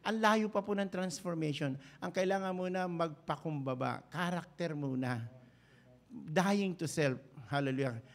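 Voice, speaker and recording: A man with a Filipino accent, a pastor preaching a sermon in a fervent style, slowing down to stress lines and breaking into sung prayer. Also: fairly high pitch. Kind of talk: Taglish sermon, livestreamed.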